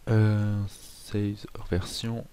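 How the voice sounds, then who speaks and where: A man hosting a casual software tutorial, chatty with self-mocking asides and frequent hesitations. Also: on the low side, level tone, very slow, slight background noise. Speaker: tutorial host.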